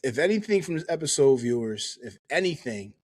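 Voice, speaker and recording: A man's voice: a little high, big pitch swings, brisk, a little mellow, slightly rough. A man co-hosting a casual podcast chat, laid-back and agreeable. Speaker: podcast co-host. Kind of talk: casual chat about anime.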